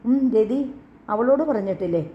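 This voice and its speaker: A woman's voice: medium pitch, lively intonation, normal speed, close to an everyday voice. A woman voicing a fiery young woman who is hurt and speaks sharply, accusing the man in front of her. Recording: dull lo-fi audio.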